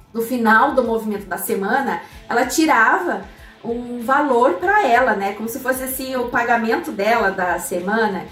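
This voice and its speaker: A woman with a fairly high voice tells her story in a relaxed, talkative way, turning to her listeners as she goes. She sounds set back from the microphone in an echoey room. Soft music plays underneath. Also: recorded from a distance. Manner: chatty, addresses listeners directly, many fillers. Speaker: storyteller sharing personal finance lessons. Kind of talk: casual personal storytelling to an audience.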